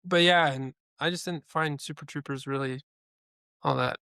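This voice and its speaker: A man's voice: a little high, steady tone, normal speed, bright, forceful tone, no echo, clean studio sound. A young man co-hosting a podcast in a casual, chatty way, sharing opinions and filling his talk with "like". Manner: chatty, opinionated, heavy use of "like". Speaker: podcast co-host. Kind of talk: casual chat.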